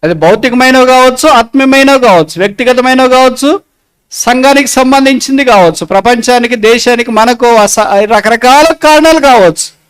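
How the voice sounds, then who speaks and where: A man preaching a sermon with a Telugu accent. He asks the crowd questions and swings between loud, emphatic lines and hushed ones. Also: very high-pitched, normal speed, clean tone.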